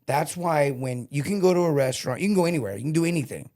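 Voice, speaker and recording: A man's voice: fairly high pitch, quick pace. A middle-aged man, a sales coach, talking casually as a podcast guest and acting out the people in his stories. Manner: animated storyteller, acts out quotes.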